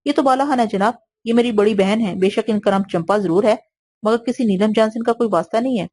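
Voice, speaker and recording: A woman reading an audio novel, voicing a sharp-tongued courtesan who scolds in a mocking, theatrical way. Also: on the high side, slightly rough. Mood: polite.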